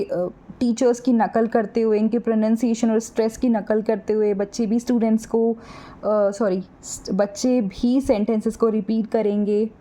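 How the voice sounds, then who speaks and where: Young female tutor, mellow tone, slow and deliberate lecture delivery. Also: on the high side. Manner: explains in Hindi, reads English lines slowly and carefully. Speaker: teacher-training tutor. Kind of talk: lecture for teacher trainees.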